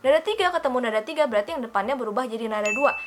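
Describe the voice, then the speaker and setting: A woman's voice: a little high, animated, rapid-fire, background noise. A young woman teaching Mandarin in a casual video lesson. She is chatty, calls herself by her own name and keeps asking the viewers rhetorical questions.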